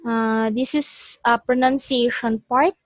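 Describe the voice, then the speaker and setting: Slow, higher-pitched woman teaching pronunciation. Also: steady tone, no room sound. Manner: instructing, repeats words and phrases for the learner. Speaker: English teacher. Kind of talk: one-on-one pronunciation lesson.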